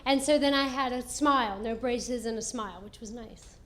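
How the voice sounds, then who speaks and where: A woman doing stand-up comedy, telling a self-mocking story in an animated way on a comedy club stage. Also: on the high side, normal speed, slight background noise. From American South.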